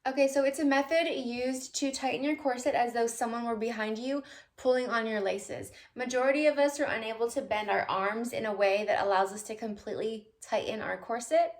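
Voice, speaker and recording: A woman's voice: fairly high pitch, fairly even intonation, fairly quick. A woman vlogging casually at home, answering viewer questions in a chatty, playful way with loose tangents and asides. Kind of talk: casual chat.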